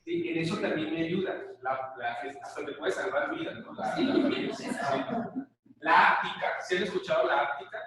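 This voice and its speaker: A man's voice: a little high, a bit bright. A middle-aged man with a Mexican accent giving a live conference talk, telling jokey stories and checking in with the audience. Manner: joking storyteller who checks in with the audience. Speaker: lecturer on body language. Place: large echoey lecture hall. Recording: echoey hall, voice from far off.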